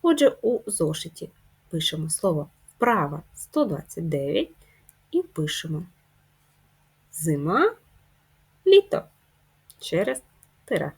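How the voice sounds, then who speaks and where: A woman teacher giving a slow, deliberate lesson to young children, jumping up high on the key words. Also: very animated, vocal fry, husky. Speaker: primary school teacher.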